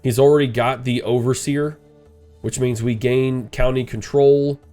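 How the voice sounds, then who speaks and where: Soft music sits under a man's steady, warm, medium-pitched voice as he comments at a measured pace. Congested and stuffy-nosed, he rambles and thinks aloud about the strategy game he's playing, often saying "uh," in casual let's-play style.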